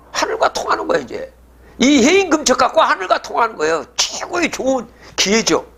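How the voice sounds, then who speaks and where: Lecturing on prophecy, this man has a high, animated voice with a bright, forceful edge. He raises rhetorical questions and answers them himself, frequently checking in with his audience by saying "예?".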